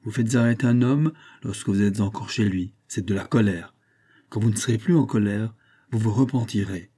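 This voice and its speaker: A man's voice: lowish voice, normal speed, dark tone, breathy edge. A man voicing a blunt, ironic veteran musketeer captain in an audiobook. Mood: lecturing. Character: bold veteran male musketeer captain, impertinent.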